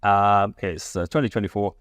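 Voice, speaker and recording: A man explaining a mentalism card routine in a relaxed, wry way, with asides. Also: lowish voice, moderate pace, smooth, dry recording, clean studio sound. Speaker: magic instructor. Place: London studio.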